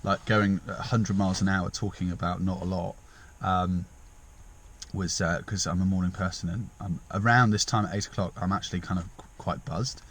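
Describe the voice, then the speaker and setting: A man's voice: deep voice, fairly even intonation, moderate pace, fairly bright tone, husky. A young man from England, rambling chattily and self-deprecatingly in a casual vlog. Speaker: vlogger.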